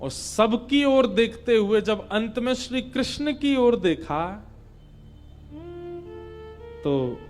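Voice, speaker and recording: A man tells a devotional story sermon in a high voice, acting out the scene with dramatic turns. He chants old verses slowly between the telling. Faint instrumental music runs underneath. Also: animated. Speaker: kathavachak, Bhagwat storyteller.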